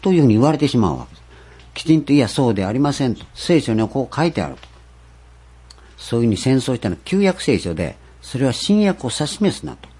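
A man preaching a sermon, stressing points with rhetorical questions and slowing down for scripture. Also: medium pitch, very animated, mellow, breathy edge. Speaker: pastor.

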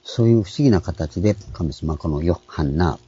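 A man, a pastor, giving a calm, explanatory sermon with frequent pauses and fillers. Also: sits low, breathy edge, muffled recording. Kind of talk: sermon on scripture names.

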